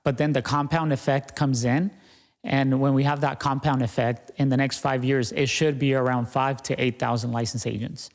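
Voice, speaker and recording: A man's voice: medium pitch, fairly even intonation, normal speed, long reverb tail. A young man talking earnestly as a podcast guest, often tagging his points with "right?". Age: young adult. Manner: earnest, repeats "right?" and "you know". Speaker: guest, business owner. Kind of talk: podcast interview.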